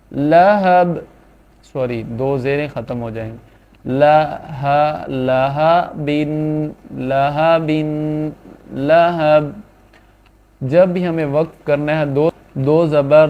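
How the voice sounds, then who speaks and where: A man teaching a reading lesson, drawing out each syllable slowly, then adding quick, quieter explanations. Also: fairly high pitch, creaky. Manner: drawn-out syllables between quick asides. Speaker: Quran reading tutor. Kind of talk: slow spelled-out recitation lesson. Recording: dull lo-fi sound.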